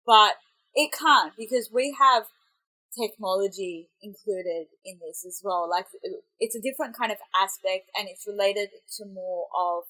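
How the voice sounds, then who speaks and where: Reacting to a film trailer, this congested Australian woman rambles and revises her words as she goes. Her medium-pitched voice is bright and forceful, a little slow, and poorly recorded.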